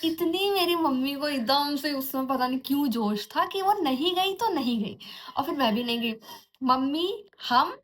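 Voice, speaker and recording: A woman's voice: high-pitched, animated, moderate pace. A young woman vlogger casually telling a horror story from her own life. She talks in a chatty way, restarts often and mimics eerie sounds like jingling anklets and giggles. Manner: chatty, restarts often, mixes in English words.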